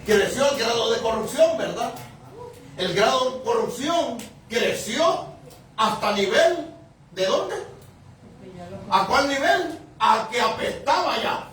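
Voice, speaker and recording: A male pastor with a high voice preaches from the Bible in a loose, chatty way, chuckling and calling out to his listeners. He breaks into sudden shouts to drive points home. The sound is very echoey and distant, picked up from far across the church. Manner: conversational, often chuckling and calling out to the congregation; rises to sudden shouts for emphasis. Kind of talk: Bible-reading sermon. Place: church sanctuary. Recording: very echoey room, mic from afar.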